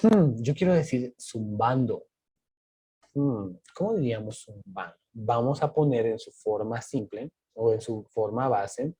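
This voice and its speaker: A man's voice: mid-range voice, expressive, a little slow, warm tone, slightly rough. A male teacher patiently explaining grammar rules step by step, asking and answering his own questions. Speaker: English teacher.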